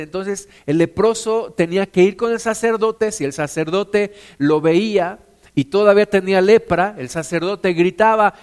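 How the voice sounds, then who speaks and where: High-voiced male preacher with a smooth tone. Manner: acts out quotes with raised, shouting voice; addresses congregation as sisters and brothers. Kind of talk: sermon.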